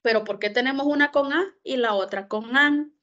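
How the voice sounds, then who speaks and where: A woman tutoring English online, explaining articles slowly and asking herself questions, a Spanish speaker. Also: sits high, a bit bright, muffled recording. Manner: slow, explanatory, asks and answers her own questions. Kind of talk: online English grammar lesson.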